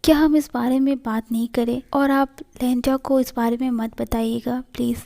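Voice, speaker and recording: A woman voicing a gentle young husband who pleads softly in a storybook reading. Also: on the high side, fairly even intonation, normal speed, vocal fry. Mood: pleading. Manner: soft, pleading.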